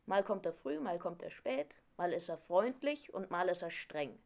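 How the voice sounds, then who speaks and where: A woman reading a storybook, voicing a chatty, well-traveled talking songbird in a bright, explaining tone. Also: fairly low pitch, lively intonation, moderate pace, gravelly.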